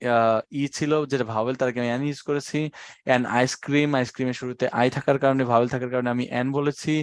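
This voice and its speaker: A man's voice: medium pitch, clear, resonant tone, dry recording. A young man with a Bangladeshi Bengali accent giving an exam-prep lecture, patient and repetitive as he spells out rules for his students. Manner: patient, explains slowly and repeats key points; addresses students as "ভাইয়া". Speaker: teacher.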